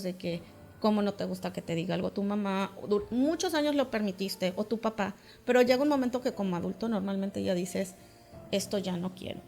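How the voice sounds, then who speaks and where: A woman's voice: medium pitch, a little mellow. A woman, a teacher, explaining ideas carefully in a casual talk-show conversation. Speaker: teacher and co-host.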